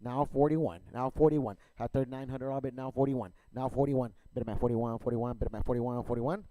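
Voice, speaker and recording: Auctioneer guy doing rapid fire bid chant, repeats numbers over and over, mellow voice, super dry sound. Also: medium pitch, steady tone, no room sound. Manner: repetitive chanting of numbers and stock phrases.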